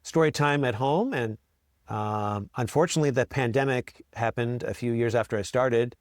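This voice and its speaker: A man's voice: medium pitch, moderate pace, no room sound, studio quality. A man who works as a school librarian, answering interview questions in a friendly way, with ums and repeated words.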